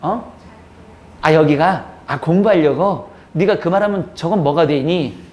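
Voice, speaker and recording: A male teacher giving a classroom lecture, teasing and scolding his students as he teaches, now and then acting out their reactions in squeaky voices. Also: a little slow, darkish tone.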